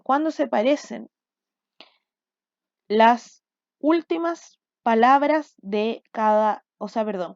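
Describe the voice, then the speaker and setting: A woman's voice: fairly high pitch, vocal fry, darkish tone, no room sound, highs cut off. A woman from Chile teaching a class, explaining step by step and often checking with "¿cierto?" and "¿ya?". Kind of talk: recorded online class.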